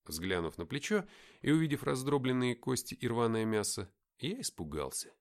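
A man reading a first-person audiobook in a lively, expressive way. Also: mid-range voice, normal speed. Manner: lively, expressive reading with loud acted dialogue. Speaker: audiobook narrator.

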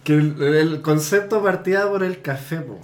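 A man's voice: a little high, normal speed, echoey room. Blunt, cursing Chilean man. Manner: blunt, swears freely, explains at length. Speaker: podcast co-host. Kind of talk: casual chat.

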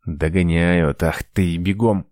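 A sullen, terse trapper, read by a man in an audiobook, speaking in clipped, gloomy orders. His voice sits low and dark. The sound is dry and close. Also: fairly even intonation, slow, no room sound. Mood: sharp. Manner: gloomy, curt commands. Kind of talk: audiobook character voice.

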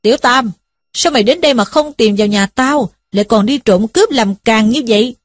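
A woman's voice: a little high, fairly quick, no room sound, lightly acted. A woman voicing a shrewd middle-aged village headman who scolds in a commanding way. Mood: scolding.

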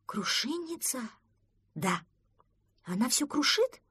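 A woman's voice: high voice, very animated, moderate pace, fairly bright tone, dry recording, voice pushed up. A woman voicing a curious, cheeky little duckling in a children's audiobook who asks question after question.

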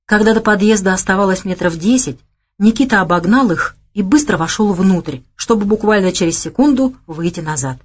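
A female narrator reading a crime thriller audiobook in scripted narration. Her delivery is measured and even, telling the action steadily. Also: mid-range voice, breathy edge.

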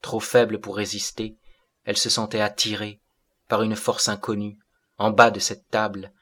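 Low, even-voiced male audiobook narrator.

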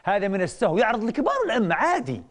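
Brief: middle-aged male scholar lecturing, quick and emphatic, keeps quizzing his listeners. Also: high voice, big pitch swings. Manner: rhetorical questions to the audience, teacherly, emphatic. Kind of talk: religious lecture.

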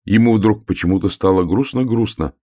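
A man narrating a children's fairy tale in an expressive, animated storytelling voice. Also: on the low side, fairly quick, no room sound, clean studio sound. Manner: animated, voices all the characters.

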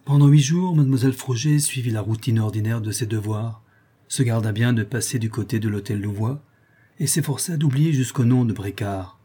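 Male audiobook narrator, measured literary reading, dark and husky. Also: mid-range voice.

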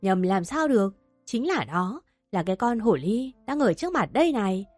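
A woman's voice: medium pitch, big pitch swings, moderate pace, darkish tone, dry recording, faint music behind. A woman voicing a furious, scheming rich middle-aged mother who screams insults at those around her.

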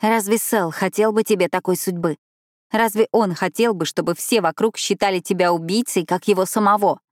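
A woman's voice: medium pitch, fairly even intonation, normal speed, no echo, studio quality, close to an everyday voice. A woman voicing a firm, insistent young woman.

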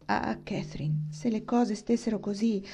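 A woman's voice: a little high, normal speed, mellow, voice pushed up. A woman voicing a distressed young noblewoman who hesitantly and apologetically brings bad news, in an audiobook reading. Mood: anguished.

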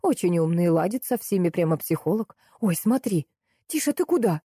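A woman's voice: on the low side, moderate pace, dark tone, slightly rough, dry recording, studio quality. A woman voicing a chatty, kindly woman who works at a clinic, read in a plain conversational way.

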